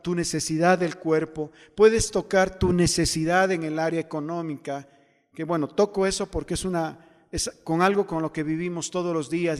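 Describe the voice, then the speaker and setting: A man's voice: sits high, big-room sound. A man preaching a sermon as pastor, asking the congregation rhetorical questions.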